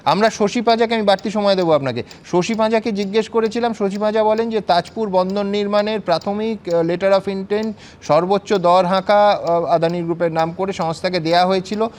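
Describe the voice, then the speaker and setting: A man's voice: high voice, steady tone, a little fast, darkish tone. A man anchoring a televised news debate, pressing guests with pointed questions and cutting in. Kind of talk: studio debate moderation.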